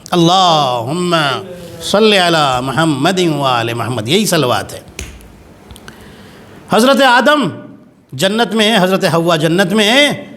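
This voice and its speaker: A man's voice: high-pitched, a bit bright. A man cleric delivering a religious sermon, telling a story dramatically with big swings in voice.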